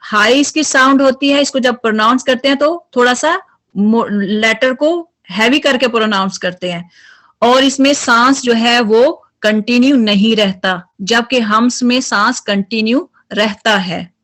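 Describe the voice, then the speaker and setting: A woman's voice: fairly high pitch, measured pace, a bit bright. A woman teaching Quran recitation in an online lesson, repeating letter sounds over and over as drills.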